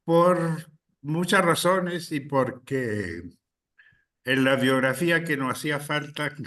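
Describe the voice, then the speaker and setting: A man from Chile, a guest speaker, giving a deliberate political talk with many pauses and fillers. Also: fairly high pitch, a bit bright, recorded from a distance.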